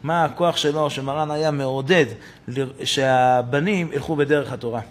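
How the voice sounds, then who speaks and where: A man's voice: mid-range voice, steady tone. A man, a rabbi, giving a Torah lesson in a synagogue, telling stories and asking his listeners rhetorical questions.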